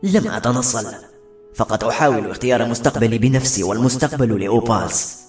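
A man voicing a proud, defiant male Arabian warhorse in a lowered, cold, dismissive voice. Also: fast, natural voice. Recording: echoey room with music.

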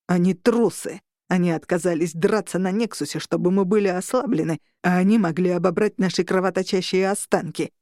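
A woman voicing a furious male vampire lord-marshal who growls and shouts his lines. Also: lowish voice, a little fast, dry recording, studio quality, close to an everyday voice.

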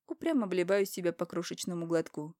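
A woman's voice: fairly low pitch, expressive, quick pace, dark tone, dry recording, studio quality. A woman narrating an audiobook in the first person, with an emotional, confessional reading.

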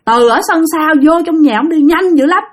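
A woman voicing a furious old grandmother who scolds her husband in a shrill, rapid, accusing voice. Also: natural voice. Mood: indignant.

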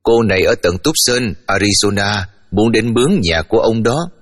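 A man's voice: on the low side, expressive, moderate pace. A man voicing a cheerful, chatty local woman in a story reading. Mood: friendly. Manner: warm and chatty. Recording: reverberant room, faint music.

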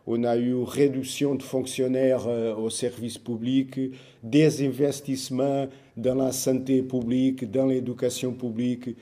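Male speaker for an informal talk: foreign, Portuguese accent in French, slow and halting, soft-edged mellow tone. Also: mid-range voice. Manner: foreign accent in French, halting delivery with searching for words and repeats. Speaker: speaker giving a political overview.

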